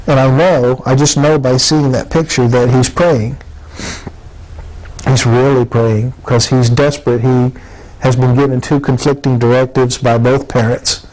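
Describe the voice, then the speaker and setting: A man's voice: medium pitch, darkish tone, low-quality recording. A man in his fifties from Texas, earnestly telling a personal testimony with vivid detail. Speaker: storyteller giving a testimony.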